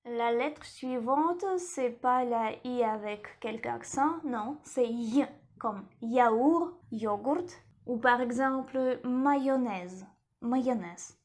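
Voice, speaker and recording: A woman teaching a lesson in French, repeating each word slowly and carefully. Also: on the high side, over loud music. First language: Russian. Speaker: language teacher.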